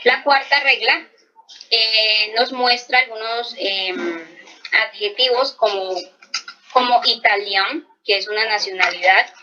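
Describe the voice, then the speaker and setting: A woman's voice: on the high side, takes it slowly, pushed and bright, poor audio. A woman teaching French grammar to Spanish speakers, explaining patiently and checking in often. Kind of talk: slow explanatory language lesson.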